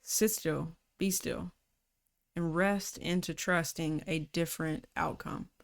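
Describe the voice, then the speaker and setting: Woman coach with a lowish voice, calm and reflective, easy casual phrasing, talking through rest and surrender. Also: creaky. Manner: calm, unhurried, slips into casual slang. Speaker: personality typology coach.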